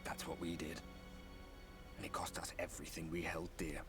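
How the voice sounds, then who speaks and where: An actor playing a solemn, formal adult man in a video game, speaking with deliberate phrasing. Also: low-pitched, little pitch movement. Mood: grave, bitter. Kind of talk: acted video game dialogue. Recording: loud game music underneath. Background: game music.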